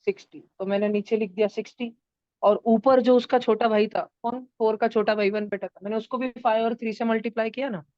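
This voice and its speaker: A woman's voice: a little high, steady tone, a little fast, no echo, dull audio. A woman teaching a math lesson to children in an online class, turning numbers into story characters and acting out their lines. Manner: playful, acts out number characters in voices.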